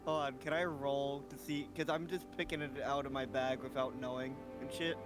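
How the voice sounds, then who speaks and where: A man's voice: medium pitch, little pitch movement, normal speed, music in the background. A man playing a tabletop game with friends, goofy and jokey. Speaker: player. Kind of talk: casual tabletop play.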